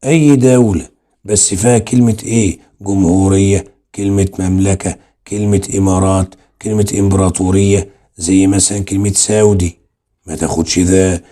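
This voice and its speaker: A man's voice: sits low, steady tone, fairly quick, mellow. A man with an Egyptian Arabic accent teaching English grammar online, explaining step by step and asking and answering his own questions.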